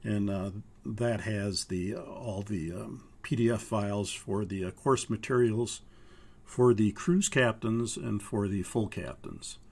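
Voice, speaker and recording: An older man from Minnesota, raspy and hoarse with a cold, teaches a live online pilot course in a low, gravelly, husky voice with a darkish tone. His explanations come haltingly, and he fills his pauses with frequent "uh"s.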